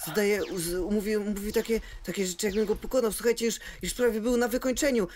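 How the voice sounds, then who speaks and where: A man giving excited Minecraft role-play commentary, speaking in an exclamatory way and talking straight to the viewers. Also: high voice, fairly quick, heavy background noise. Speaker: game role-play youtuber. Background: faint background music.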